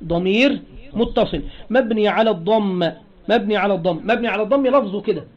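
Egyptian guy teaching grammar, kinda high voice, keeps repeating stuff and asking the class, muffled lo-fi sound. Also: fast. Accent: Egyptian Arabic. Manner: repeats phrases and prompts the class with questions. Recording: dull lo-fi classroom recording.

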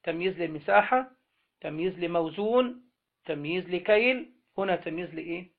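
Male grammar teacher, high-pitched, slow and drawn-out, quizzing the class; tinny phone-like audio. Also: expressive. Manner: slow, drawn-out delivery with question-and-answer prompts.

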